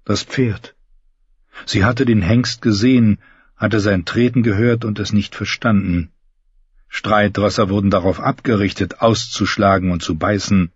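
A man reading a dark fantasy audiobook in a slow, grave storytelling manner. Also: fairly low pitch, steady tone, slightly rough, no echo. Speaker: audiobook narrator. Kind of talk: scripted narration. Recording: dull muffled recording.

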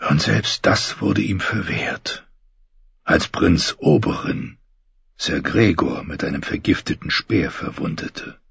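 A man reading a dark fantasy audiobook in a slow, grave storytelling manner. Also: deep voice, expressive, vocal fry, breathy edge, no echo. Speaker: audiobook narrator. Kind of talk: scripted narration. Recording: dull muffled recording.

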